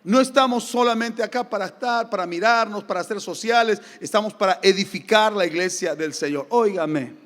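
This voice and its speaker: High-voiced Argentine pastor preaching emphatically. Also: male voice, a little fast, hardly any pauses, big-room sound. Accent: Argentine Spanish. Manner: emphatic, lively preaching with humorous anecdotes. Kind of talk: sermon. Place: church.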